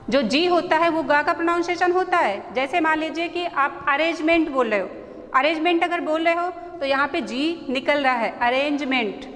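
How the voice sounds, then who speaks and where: A high-voiced woman teacher with an Indian accent, walking a class through letters at an unhurried pace. She repeats key points and checks in with her listeners. The recording has an echoey room with a faint hum behind her. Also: a bit bright. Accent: Indian English. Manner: slow, repetitive explaining, mixing Hindi and English, checks understanding. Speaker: English teacher. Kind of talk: classroom lesson explaining spelling.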